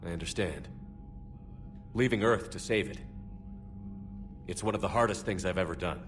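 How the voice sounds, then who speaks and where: A man's voice: low voice, normal speed, faint music behind, lightly acted. A man playing an authoritative starship commander in a video game, firm, serious and plain-spoken. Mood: sober, sympathetic. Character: steady, authoritative human male starship commander. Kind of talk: dramatic video game acting.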